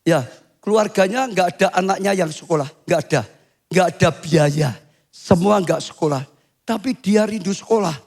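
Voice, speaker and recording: Older male pastor, high voice. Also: normal speed, creaky. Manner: swings to high shouting when acting out cries. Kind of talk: sermon.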